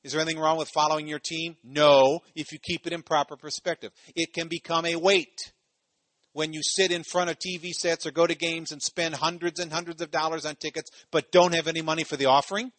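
Higher-voiced preacher from Ohio, conversational. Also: male voice, level tone, brisk, fairly bright tone, no room sound. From Ohio, USA. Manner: conversational, full of "you know" asides, repeats phrases for emphasis. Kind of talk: sermon.

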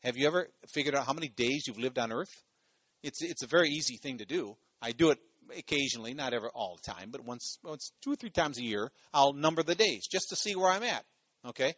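A man's voice: medium pitch, expressive, fairly quick, fairly bright tone, no room sound. A man from Ohio preaching a sermon in a loose, conversational way, full of "you know" asides and phrases repeated for emphasis. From Ohio, USA.

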